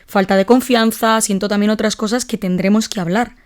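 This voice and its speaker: Quick-speaking Spanish woman co-host. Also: mid-range voice. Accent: Spain. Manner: explains calmly with example dialogue. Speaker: psychologist co-host. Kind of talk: casual podcast chat.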